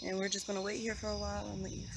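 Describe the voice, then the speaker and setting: Around a train station at night, a young American woman vlogs about the paranormal, narrating and chatting casually into her handheld camera's mic. Medium in pitch, she talks very fast in a completely flat, creaky voice, while insects and other noise fill the outdoor recording.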